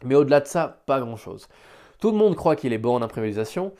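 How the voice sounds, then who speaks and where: A man improvising a solo podcast, hesitant and self-deprecating as he thinks aloud, with careful, deliberate articulation. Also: medium pitch, sing-song, warm tone. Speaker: amateur podcast host.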